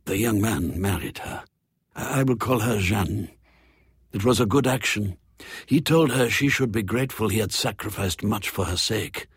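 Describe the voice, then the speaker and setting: A man voicing a grave French croupier who tells a story in a slow, serious way, in a storybook reading. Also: fairly low pitch, slightly rough, no room sound, clean studio sound. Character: grave French croupier telling a sad tale.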